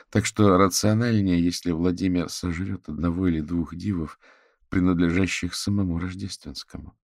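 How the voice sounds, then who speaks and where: A man voicing a calm, analytical young woman who explains things in a measured way in an audiobook. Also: low-pitched, vocal fry, breathy edge, no echo, studio quality, full character voice. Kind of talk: audiobook character voice.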